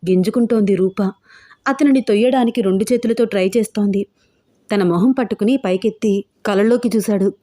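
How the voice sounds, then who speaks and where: A woman storyteller reading a suspense love story in steady, dramatic narration. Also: mid-range voice, fairly quick.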